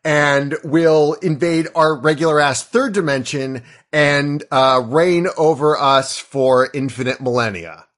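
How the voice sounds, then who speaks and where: A man's voice: a little high, unhurried, few pauses, a bit bright. A man in his thirties hosting a comedy chat, rambling and often stopping to correct himself and apologize. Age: 30s. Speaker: host running the question game. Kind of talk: casual comedy podcast chat.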